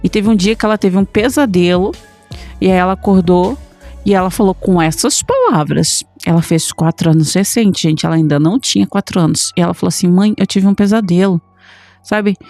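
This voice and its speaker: A woman with a Brazilian accent tells a personal supernatural account about her young daughter in a halting, conversational way full of fillers. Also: fairly low pitch, warm tone, soft background music. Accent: Brazilian Portuguese. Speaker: mother telling a personal account.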